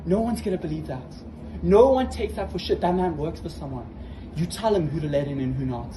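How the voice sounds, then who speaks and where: A man's voice: fairly high pitch, lively intonation, a little fast, warm tone. A man angrily confronting a bar owner, swearing and lecturing in a heated argument indoors at a bar. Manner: angry, profane, lecturing. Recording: echoey room with background noise.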